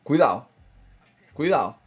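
A man's voice: on the high side, big pitch swings, measured pace, breathy edge, faint music behind. Streamer man chatting over a football game. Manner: banters, mutters, reads chat aloud. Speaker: gaming streamer. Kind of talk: casual gameplay commentary.

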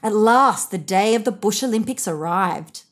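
Female storybook reader, thirties, mid-range voice, expressive read-aloud delivery for young children. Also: mid-range voice, moderate pace. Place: indoors, seated on a sofa.

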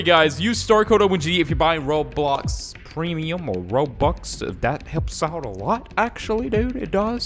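With music playing in the background, a young man hosts a gaming video and gives casual, jokey, slang-filled commentary on the gameplay, calling viewers "guys" and "dude." His voice is on the high side and a bit bright.

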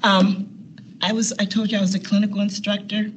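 A woman's voice: mid-range voice, fairly quick. Woman nurse on a panel, storytelling, laughs a lot, slight room hiss. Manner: animated, laughs often, acts out quotes. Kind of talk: personal storytelling. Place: meeting room, seated at a long table.

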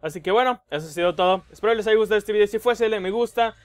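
A young man giving excitable let's play commentary, yelping and squealing when scared. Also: sits high, racing, dry recording. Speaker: gaming YouTuber.

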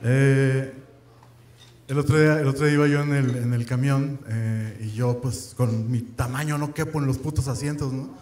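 A young Mexican man telling crude, deadpan stand-up jokes full of slang. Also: medium pitch, normal speed. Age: young adult. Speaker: stand-up comedian. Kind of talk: stand-up comedy set. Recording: echoey club with crowd noise.

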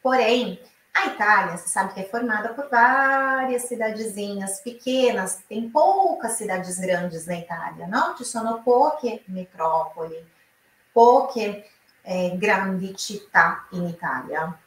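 A woman from Brazil teaching an online Italian lesson, explaining slowly and repeating each example aloud. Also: medium pitch, expressive, a bit bright, echoey room, recorded from a distance, low-quality recording.

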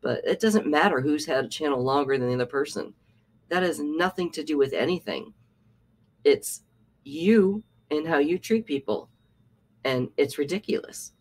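A man's voice: on the high side, lively intonation, normal speed. A man hosting a reaction commentary, talking in a sarcastic, scolding way. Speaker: commentary channel host.

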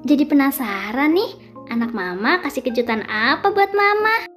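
A woman's voice: high voice, animated, normal speed, fairly bright tone, faint music behind. A woman voicing an emotional young mother in a game role-play story, prone to jealous, sobbing accusations. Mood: curious.

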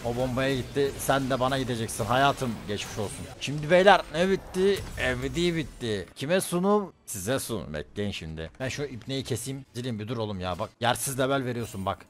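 A young man streaming a game, loud and excitable, swearing and yelling at his teammates. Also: mid-range voice, brisk, hardly any pauses. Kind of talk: live gaming commentary.

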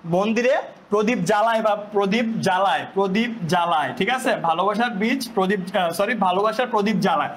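High-voiced young man teaching a chatty class. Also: a little fast, a little hiss or hum. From Bangladesh. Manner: chatty, teasing, asks students questions. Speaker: online tutor. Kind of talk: live online class lecture.

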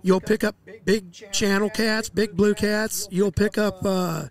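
A middle-aged man with a fairly high, gravelly voice talks shop as a fishing guide. He explains things in an easygoing way, with fillers and restarts. He speaks into a headset mic out on a lakeside deck. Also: fairly even intonation, measured pace, faint music behind. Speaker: walleye fishing guide, podcast guest. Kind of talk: casual interview. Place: outdoor deck by a lake.

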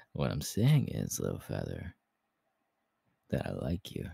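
Very deep, gravelly Hawks, romantic ASMR man acting. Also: mellow, no room sound, exaggerated voice. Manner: intimate, halting, breathy laughs and sighs. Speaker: voice actor, ASMR artist. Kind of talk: romantic ASMR audio roleplay.

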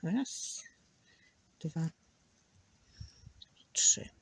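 A woman teaching a crochet tutorial, patiently counting stitches aloud and sometimes dropping to a near whisper. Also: very slow. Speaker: crochet instructor.

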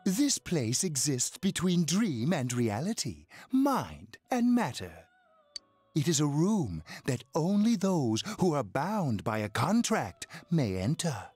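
A man's voice: fairly high pitch, wildly swooping pitch, takes it slowly, darkish tone, breathy edge, dry recording, full character voice. A man playing an eerie, amused old fortune teller in a video game, speaking theatrically and portentously. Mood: welcoming, mysterious. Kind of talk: scripted video game dialogue. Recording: game audio over background music.

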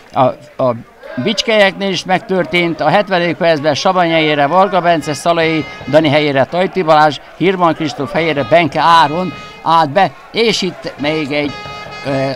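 A man commentates football highlights. His delivery is excited sports commentary, following each pass and lifting sharply when a chance comes. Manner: excited, rising into shouts at chances. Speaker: football commentator for the visiting team.

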